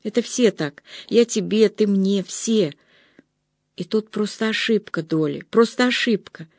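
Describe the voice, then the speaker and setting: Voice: mid-range voice, unhurried, a little mellow, no room sound, clean studio sound. A reader voicing a loyal young woman who pleads with and consoles a weeping friend in an audiobook. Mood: consoling. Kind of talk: audiobook reading.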